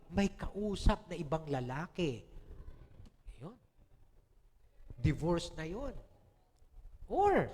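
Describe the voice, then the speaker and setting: A man's voice: high voice, a little mellow, big-room sound. A Filipino man preaching a sermon as pastor, chatty and joking, laughing often and checking in with the congregation. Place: church hall.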